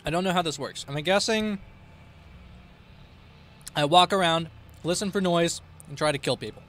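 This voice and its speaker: Excitable, bright-voiced male streamer. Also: a little high, normal speed. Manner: playful, laughing, excitable outbursts. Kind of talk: casual gameplay commentary.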